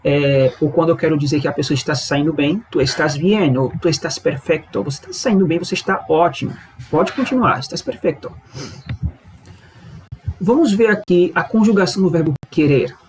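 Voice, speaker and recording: A man with a somewhat high voice leads a language lesson. He explains each point patiently, step by step, and keeps checking that the listener follows. A faint hiss sits behind his voice. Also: fairly quick, darkish tone, rough recording. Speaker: language teacher.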